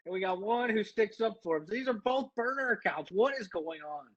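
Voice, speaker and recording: A man with a fairly high voice, heard through a dull, muffled signal. He co-hosts a betting podcast and teases the others in an amused way. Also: lively intonation, brisk, a bit bright. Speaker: co-host, sports betting podcast. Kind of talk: casual podcast chat.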